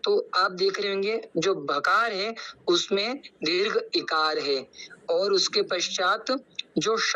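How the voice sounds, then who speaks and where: Slow, bright-voiced young man teaching pronunciation. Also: high voice, low-quality recording. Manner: slow, drawn-out syllables repeated for practice. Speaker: student explaining Sanskrit pronunciation.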